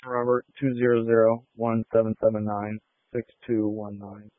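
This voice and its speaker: A man's voice: fairly low pitch, little pitch movement, moderate pace, no room sound. A male police officer heard over a two-way radio, giving clipped calls and reading plates in the phonetic alphabet. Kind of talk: terse radio traffic. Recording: narrow, dry two-way radio line.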